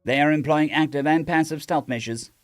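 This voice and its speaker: A man's voice: a little high, a little fast, no echo, clean studio sound, faint music behind, natural voice. A man voicing a crewman at a sensor station, giving an urgent, clipped report.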